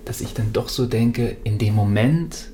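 A man's voice: fairly low pitch, unhurried, warm tone, slight background noise. A man actor musing in an interview about performing, in loose, trailing sentences.

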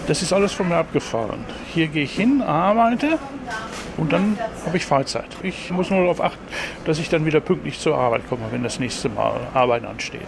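Gravelly sixty-something guy from dortmund, slightly high voice, noisy background, hesitant answers. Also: expressive, fairly quick. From Germany, Dortmund. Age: 60s. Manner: thoughtful, hesitant with fillers. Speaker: interviewee, meat counter worker. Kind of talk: casual interview answers.

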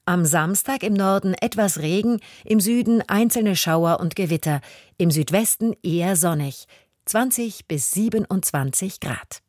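A woman reading the radio news in a formal, even studio delivery. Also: fairly low pitch, measured pace, no room sound. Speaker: newsreader. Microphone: studio mic.

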